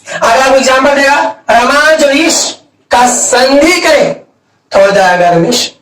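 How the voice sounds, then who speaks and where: A man's voice: very high-pitched, slow pace, fairly bright tone. A man teaching a grammar lesson at a board, asking questions and answering them himself, stretching out key words. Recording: echoey room, mic far off.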